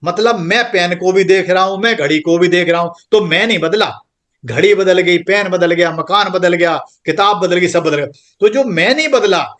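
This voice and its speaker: A man's voice: high voice, a bit bright. A man teaching a spiritual class online, explaining patiently and checking in with the listeners again and again. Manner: patient, repetitive explaining with frequent "theek hai". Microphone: computer microphone on an online group call.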